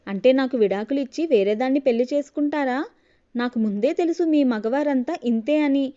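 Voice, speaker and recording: A woman's voice: high-pitched, a little fast, warm tone, lightly acted. A woman storyteller voicing a naive, melodramatic young wife who talks sharply and theatrically. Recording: dull lo-fi recording.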